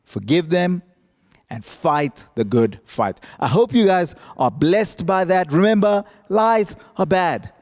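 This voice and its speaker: A man's voice: high voice, lively intonation, takes it slowly, darkish tone, in a large hall. A man telling a Bible lesson to children in simple, emphatic words, repeating key phrases.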